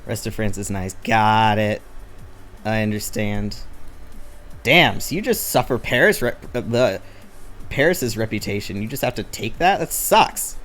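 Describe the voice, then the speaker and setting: A man's voice: on the low side, expressive, unhurried, fairly bright tone, faint music behind. A man streaming live as he draws, chatting casually with his chat and muttering to himself about his work. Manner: chatty, reads and answers chat, mutters to himself while working.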